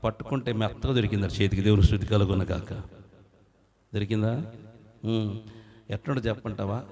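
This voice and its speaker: A man's voice: fairly low pitch, steady tone, a little fast, warm tone. A male pastor preaching a fervent sermon, calling out hallelujahs and firing questions at the congregation.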